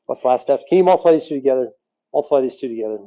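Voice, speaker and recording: Mellow-voiced male math teacher. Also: mid-range voice, rapid-fire, low-quality recording. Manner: quizzes the class with rhetorical questions, joking. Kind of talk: recorded classroom lesson.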